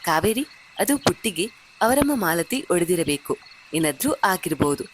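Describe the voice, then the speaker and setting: A careful, hushed young elder sister in a spoken horror story, put on by a woman narrator. She keeps her words low and measured, yet her pitch moves freely. A faint hiss sits behind her. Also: very animated. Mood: cautious. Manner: quiet, cautious.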